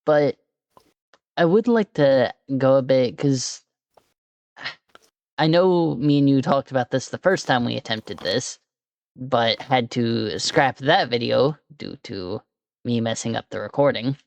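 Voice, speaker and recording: A podcast host chatting casually with a friend, relaxed and a little hesitant, giving short listening cues. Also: mid-range voice, unhurried, creaky, dry recording. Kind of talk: casual chat interview.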